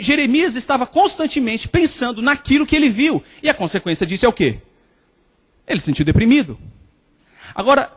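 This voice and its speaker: A man preaching a sermon, telling stories and acting out the quoted voices. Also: very high voice. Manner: lively storytelling, acts out quotes. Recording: long hall reverb.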